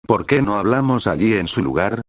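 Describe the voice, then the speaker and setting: A man's voice: fairly low pitch, lively intonation, moderate pace, dry recording, studio quality. A man playing a doting young husband who speaks earnestly and coaxingly, in a storybook reading.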